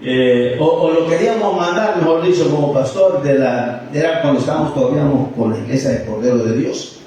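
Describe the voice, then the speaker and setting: A man pastor gives a sermon in a church hall, his fairly high voice carrying with heavy echo from a distance away. He talks to the congregation like a conversation, full of rhetorical questions and stories from his own life, over a faint room hum. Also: a little fast, mellow. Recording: echoey church PA from far off.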